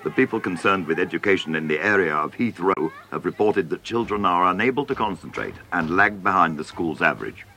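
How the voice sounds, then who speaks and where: A man giving measured, scripted narration for a television documentary. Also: deep voice, expressive, noisy background.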